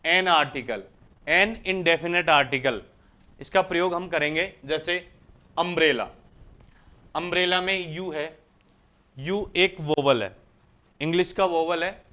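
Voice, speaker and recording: A man's voice: fairly high pitch, unhurried, pauses often, pushed and bright. A man from India teaching English grammar in a lecture, who keeps asking the class questions and answering them himself. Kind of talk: Hindi lecture explaining English articles.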